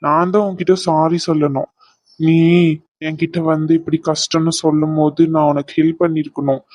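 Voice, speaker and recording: A timid, naive young cartoon man, played by a woman who answers in short, hesitant phrases. The voice sits low for the performer. The sound is close and dry. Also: flat delivery, moderate pace, darkish tone, no room sound. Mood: apologetic. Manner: short, hesitant, mumbled replies. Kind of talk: cartoon voice acting.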